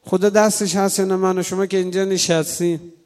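A man's voice: high-pitched, level tone, darkish tone. A man preaching a fervent sermon that mixes storytelling with prayer. He speaks to the listeners directly and draws out his pleading calls to God. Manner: fervent, drawn-out pleading invocations.

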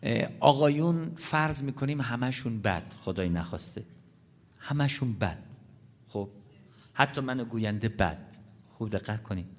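A man's voice: medium pitch, expressive, pauses often. A man preaching a sermon to an audience, earnest and explanatory, addressing the listeners directly.

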